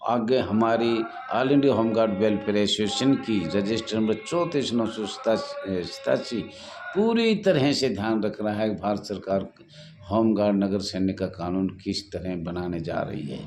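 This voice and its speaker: A man's voice: on the low side, lively intonation, measured pace, background noise. A man leading a home guard association, talking earnestly and repetitively to supporters in a live online talk over his phone.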